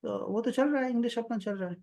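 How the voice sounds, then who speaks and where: A man teaching Arabic on a video call, explaining slowly and repeating words for his student. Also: very high-pitched, gravelly, dark tone. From Pakistan. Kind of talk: online one-on-one language lesson.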